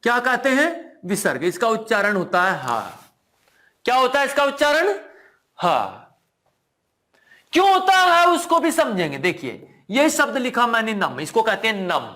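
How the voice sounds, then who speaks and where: A man's voice: big pitch swings, moderate pace. A man teaching a Sanskrit exam-prep lesson, repeating key words back to the class as questions and checking in with them again and again. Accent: Hindi. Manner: asks the class "ठीक है ना?" again and again; drops to a low, quiet voice at times.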